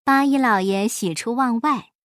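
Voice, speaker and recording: A woman reading a children's folk story aloud in an expressive, measured way. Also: fairly high pitch, dry recording, studio quality.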